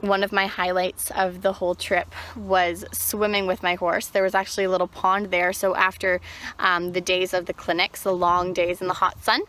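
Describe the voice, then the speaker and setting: A woman's voice: on the low side, flat delivery, moderate pace, a bit bright. A woman rider giving a personal, informal recap of her own experience. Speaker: horse rider. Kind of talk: personal recap of a riding clinic.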